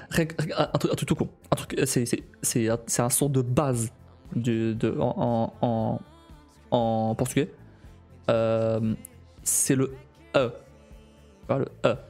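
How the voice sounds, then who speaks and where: A man chatting casually on a live stream, his voice mellow and dark in tone. He talks haltingly and keeps restarting his sentences, often breaking into laughter. Soft music plays faintly behind him. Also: mid-range voice.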